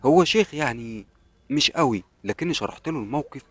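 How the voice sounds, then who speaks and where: A man's voice: mid-range voice, animated, brisk, fairly bright tone, slightly rough, dry recording. A man with an Egyptian accent narrating a scripted horror story in the first person, in a brooding, dramatic way. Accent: Egyptian Arabic.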